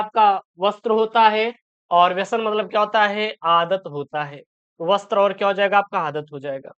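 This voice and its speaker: Teaching exam prep, a male instructor calms his students, goes back over important answers slowly, and frequently asks and answers his own questions. His smooth voice sits high and is a bit bright, captured in dull lo-fi audio.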